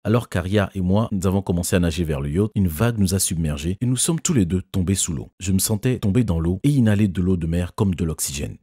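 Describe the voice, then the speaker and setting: A man doing scripted first-person narration of an animated story. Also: low voice, fast talker, hardly any pauses, husky, dry recording, clean studio sound.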